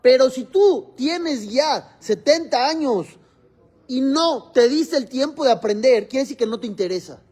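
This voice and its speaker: A man's voice: very high voice, lively intonation, a little slow, darkish tone, husky. A man, a rabbi teaching a religious class in a classroom, explaining step by step and quizzing his students.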